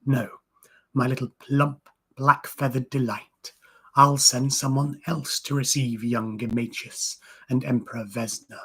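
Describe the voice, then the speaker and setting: In a storybook reading, a woman voices an ancient female crone creature who is wry and commanding. The performance is heavily acted and sly in mood, with a raspy voice and a slow, low, knowing manner.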